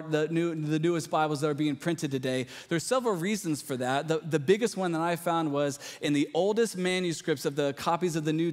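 An earnest male pastor preaching in a conversational way, his voice sitting on the higher side for a man. He often restarts his sentences, and each phrase trails off into the long reverb of a church sanctuary. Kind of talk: sermon.

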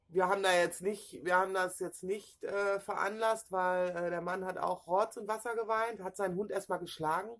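A middle-aged woman, telling a story casually to her camera at home in an excitable, chatty way, acting out what people said. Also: fairly low pitch. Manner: chatty, excitable, acts out dialogue. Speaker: vlogger. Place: at home indoors. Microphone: camera in front.

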